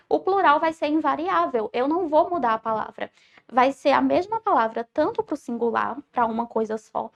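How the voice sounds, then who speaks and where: A woman teacher from Brazil leads a recorded online lesson with a high, gravelly voice. She explains step by step, often checking in with the class, and slows down to stress syllables when spelling out words.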